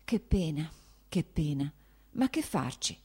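A woman's voice: low-pitched, sing-song, takes it slowly, dark tone, husky, heavily acted. A woman reading an audiobook, voicing a troubled young woman murmuring anxiously to herself.

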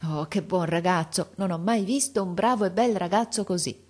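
A woman's voice: lowish voice, moderate pace, darkish tone, breathy edge. A woman doing a timid, pleading poor mother. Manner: timid, pleading, eager to please. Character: poor humble mother, anxious and grateful.

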